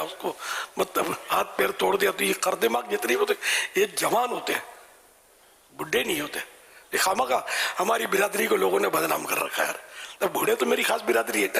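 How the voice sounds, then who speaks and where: Gravelly-voiced older man answering questions. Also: high-pitched, a bit bright. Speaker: religious scholar answering questions. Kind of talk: religious Q&A answer.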